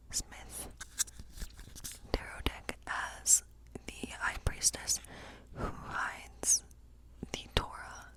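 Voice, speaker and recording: A woman does a tarot reading within an ASMR fantasy role play, whispering breathily with no voice behind it. She explains slowly and softly in short, pause-broken phrases, and the recording quality is low.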